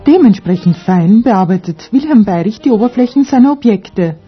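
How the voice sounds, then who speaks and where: A woman's voice: medium pitch, animated, normal speed. A woman narrating a scripted radio feature as a reporter. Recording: dull radio recording, faint music.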